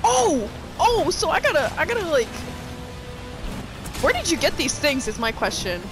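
Excitable swearing woman gamer, lively pitch. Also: normal speed, over music. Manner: excitable, swearing, laughing, fangirling. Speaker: gamer playing a horror game. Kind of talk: let's play commentary.

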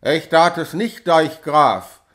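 A man's voice: fairly high pitch, animated, slow, a bit bright. A man voicing a bull-necked, cheeky laborer who talks bluntly. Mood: insolent. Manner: blunt, insolent.

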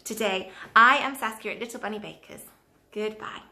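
A woman's voice: medium pitch, moderate pace, pushed and bright. A woman hosting a children's baking show, reading a story aloud with dramatic gasps. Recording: echoey room.

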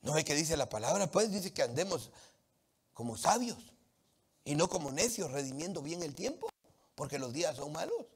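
A man from Latin America preaching a sermon, animated and emphatic, with humorous anecdotes from the street. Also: on the high side, moderate pace, breathy edge.

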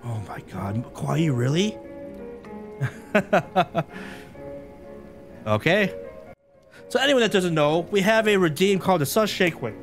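A man commentates a live game stream in an excitable, chatty way, laughing often and thanking viewers by name. His voice sits a bit high and swings widely in pitch. Faint game music plays underneath. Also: takes it slowly, long pauses.

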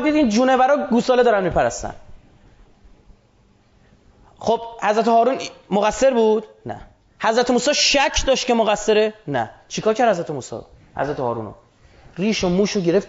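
Male lecturer with a high voice delivering an emphatic, conversational religious talk; muffled lo-fi sound. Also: echoey room. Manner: emphatic, colloquial, with rhetorical questions.

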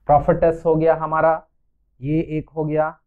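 A man's voice: a little high, monotone, unhurried, smooth. A male English teacher giving a classroom lecture, patiently explaining and spelling out words letter by letter. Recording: slightly dull lo-fi recording.

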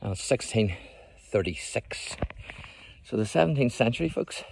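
A man's voice: medium pitch, lively intonation, normal speed, gravelly, a little mellow, slightly rough. A middle-aged man, chatting enthusiastically to viewers as he films a walking tour outdoors on his phone. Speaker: history trail guide. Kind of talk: casual walking tour vlog. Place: outdoors in a rural graveyard.

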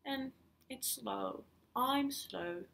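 Speaking extremely slowly, this woman has a high-sitting, gravelly, slightly bright voice with lively intonation. She's a Swedish podcast host in her thirties with a Swedish accent, indoors in her living room, making relaxed, somewhat hesitant knitting vlog chatter.

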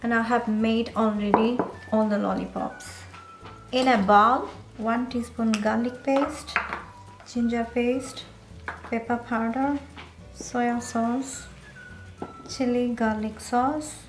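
A woman with a slightly high voice talks through a recipe at a slow, unhurried pace, giving plain step-by-step instructions. Her voice rings in an echoey home kitchen. Faint music plays behind her. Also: fairly even intonation. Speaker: cooking channel host. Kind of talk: cooking tutorial voice-over.

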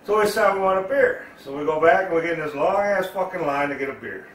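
A man's voice: on the high side, expressive, fast, a little hiss or hum. A man telling a rambling, profanity-filled story in a casual style while he cooks at home. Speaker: cooking vlogger. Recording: echoey room, voice far from the mic.

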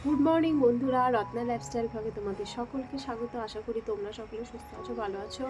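A woman in her thirties with a Bengali accent, vlogging at home while sick with a cold and a blocked nose, speaking softly to spare her sore throat. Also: fairly high pitch, fast, music in the background, low-quality recording. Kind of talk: casual home vlog narration.

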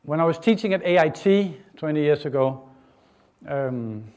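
A middle-aged man from Denmark, giving a university lecture in an informal, halting way with many fillers and restarts. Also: a little high, lively intonation, a little mellow, smooth. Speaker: guest lecturer. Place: lecture hall, indoors.

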